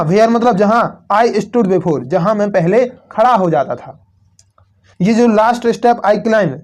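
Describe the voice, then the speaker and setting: Slow, high-voiced male teacher explaining. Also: darkish tone. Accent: North Indian Hindi. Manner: repetitive, asks and answers own questions. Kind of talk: line-by-line poem explanation.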